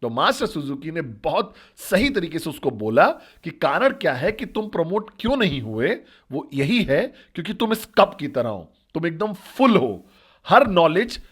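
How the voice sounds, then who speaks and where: A man's voice: high-pitched, sing-song, moderate pace, fairly bright tone, slightly rough. A man telling a story in a motivational talk as a network marketing trainer, speaking directly and asking the listeners questions.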